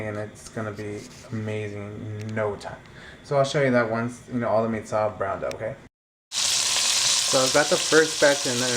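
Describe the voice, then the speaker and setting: A man giving a casual, chatty cooking tutorial, talking viewers through each step informally. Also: medium pitch. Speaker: home cook presenting a recipe. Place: indoor kitchen at the stove. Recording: clear sizzling kitchen noise. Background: frying, sizzling and stirring.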